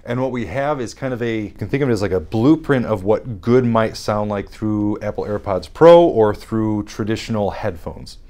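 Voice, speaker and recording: Low-voiced man explaining technical testing. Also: warm tone. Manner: measured, precise, explanatory. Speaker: guest audiologist. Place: dim studio set, seated in armchair.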